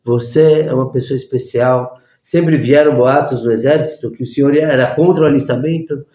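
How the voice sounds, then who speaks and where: A man voicing a polite army officer who gives formal thanks, speaking lower than his usual voice, in an echoey room. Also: steady tone, moderate pace, warm tone, lightly acted. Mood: grateful.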